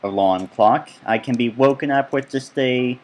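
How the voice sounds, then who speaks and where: A man's voice: medium pitch, moderate pace. A man giving casual, rambling gameplay commentary as he tours his own build, full of chatty asides. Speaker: let's play gamer.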